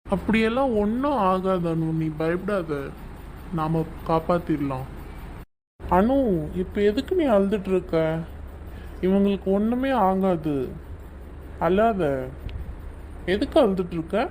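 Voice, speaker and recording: A steady, reassuring doctor, played by a man in a home-made skit talks things through step by step. His voice sits a little high but sounds mellow and soft-edged. A faint hiss runs under the recording. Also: measured pace, long pauses, low-quality recording. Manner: patient, explains step by step. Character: calm reassuring male doctor, adult.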